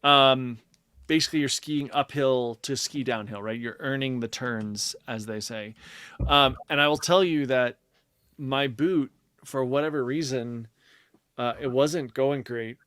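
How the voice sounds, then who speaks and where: A man's voice: mid-range voice, a little slow, a bit bright, clear, resonant tone, no echo. A man talks through a casual podcast chat in a mid-range voice, recorded dry and close with no room behind him. He explains at length, circling back with fillers and restarts. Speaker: podcast co-host.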